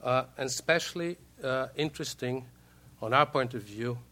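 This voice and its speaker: A man's voice: medium pitch, normal speed, pushed and bright. A Brazilian man, a native Portuguese speaker, giving formal remarks as a diplomat in broken English, hesitating often and repeating words.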